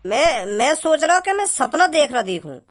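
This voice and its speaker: Voice actor playing a cartoon village bumpkin, high-pitched, rambling, stammering, naive. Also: very animated, normal speed. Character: silly simple-minded village young man. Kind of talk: cartoon comedy voice acting.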